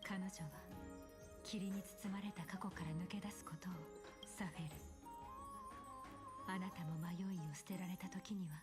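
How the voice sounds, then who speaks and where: A woman voicing a grave, composed noblewoman leader in an anime game, cool and dignified, with formal, measured delivery. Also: fairly low pitch, steady tone, loud music behind the voice, lightly acted. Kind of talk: Japanese anime game voice acting.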